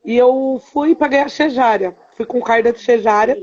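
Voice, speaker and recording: A woman's voice: on the high side, normal speed, a little mellow, muffled recording. A woman telling her own story as a mother in a live stream interview, with hesitant fillers and quoted dialogue. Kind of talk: emotional personal testimony on a live stream.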